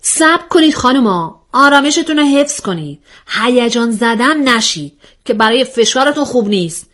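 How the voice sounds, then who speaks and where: A woman's voice: on the high side, expressive, a bit bright, voice pushed up. A woman voicing a bossy young woman who questions her friends in a mock-formal tone in a read-aloud story. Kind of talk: storybook voice acting.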